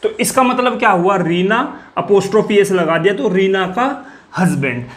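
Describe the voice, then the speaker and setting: Speaking at a normal speed in a voice that sits high, a man gives a classroom lecture on English grammar. He poses questions and supplies the answers himself with a drop in his voice, and his delivery is repetitive, circling back to key words.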